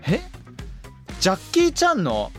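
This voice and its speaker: A woman hosting a casual podcast, energetic and exclamatory, poking fun at herself. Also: medium pitch, moderate pace, faint music behind. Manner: energetic, exclamatory, self-mocking. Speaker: podcast host.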